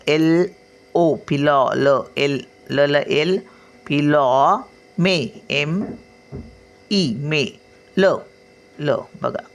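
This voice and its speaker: An older woman teaching a spelling lesson, sounding words out syllable by syllable and explaining patiently as she checks that the listener follows. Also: deep voice.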